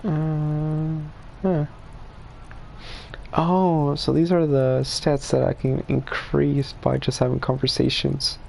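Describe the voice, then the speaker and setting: Slow, gravelly male streamer. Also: fairly high pitch, level tone, darkish tone, a little hiss or hum. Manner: laid-back, laughing, cussing. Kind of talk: casual gameplay commentary.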